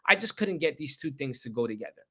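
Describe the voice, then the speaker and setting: Man, from Ethiopia, young adult, slightly high voice, casual history talk, chatty, rhetorical questions. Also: lively intonation, fast talker, bright, forceful tone, breathy edge. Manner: conversational, repeats himself, asks rhetorical questions. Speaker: history presenter.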